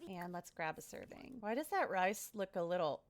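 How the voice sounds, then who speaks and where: A woman's voice: lowish voice, expressive, moderate pace. Bubbly woman chatting over a game. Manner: bubbly, chatty, easily delighted. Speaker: let's play host. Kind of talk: casual gameplay commentary.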